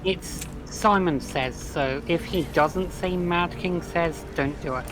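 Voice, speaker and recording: Slow-talking man in noisy game chat. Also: fairly high pitch. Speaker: gamer in voice chat. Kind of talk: casual chat while gaming.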